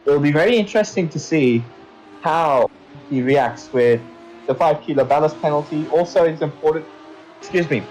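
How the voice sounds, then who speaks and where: A man's voice: on the high side, moderate pace, darkish tone, soft background music, low-quality recording. Chatty male sim-racing commentator. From India. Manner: chatty, laughs often, addresses co-host as mate. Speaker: race commentator.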